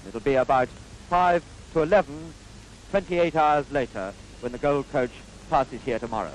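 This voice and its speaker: A man with a Received Pronunciation British accent delivers formal, stately 1950s newsreel commentary in measured phrases. His voice is medium-pitched, and the vintage soundtrack is rough, with a little hiss or hum.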